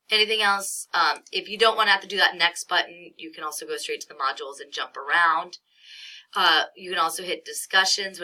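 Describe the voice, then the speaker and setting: A young woman teaching a college class, chatty and self-deprecating, her voice thick and congested with a cold. Her tone is very bright and sits a little low in pitch. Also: low-quality recording. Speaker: college math instructor. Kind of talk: screen-recorded course tour.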